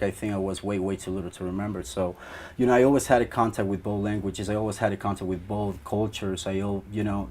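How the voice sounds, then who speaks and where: A man's voice: on the low side, darkish tone, slight background noise. A young man from Ecuador, a band guitarist, answering interview questions in a rambling way with many fillers.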